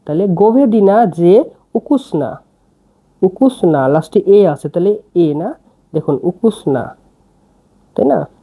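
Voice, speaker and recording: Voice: medium pitch, expressive, slow, long pauses, warm tone, breathy edge. A teacher giving a language lesson, spelling each word out letter by letter and repeating every phrase.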